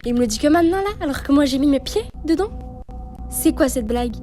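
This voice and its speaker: A woman's voice: high voice, expressive, fast talker, dark tone, faint music behind. A young woman doing casual horror game streamer commentary, reading dialogue aloud and reacting in slangy speech.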